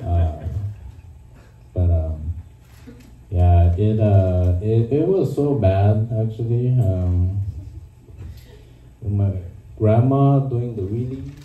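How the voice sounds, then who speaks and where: A young comedian from Korea, lowish-voiced, drags out his words and pauses often, filling gaps with ums and uhs during a set on a small club stage. He holds a handheld mic, and the audience-shot recording is muffled, distant and echoey, with laughter and room ambience behind him.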